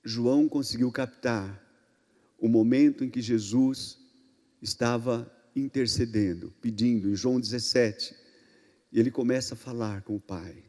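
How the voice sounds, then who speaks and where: A Brazilian pastor preaching a sermon in an emphatic way, swinging between loud outbursts and hushed passages. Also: male voice, mid-range voice, fairly even intonation, measured pace. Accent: Brazilian Portuguese. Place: church hall. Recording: long reverb in a church hall.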